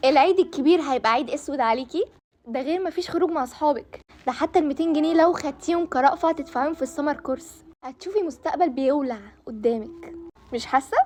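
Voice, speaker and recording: A woman's voice: high-pitched, a little mellow, close to an everyday voice. A woman with an Egyptian accent playing a scolding, sarcastic female study conscience in a comedy sketch. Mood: taunting. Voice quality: quick, teasing, lecturing delivery.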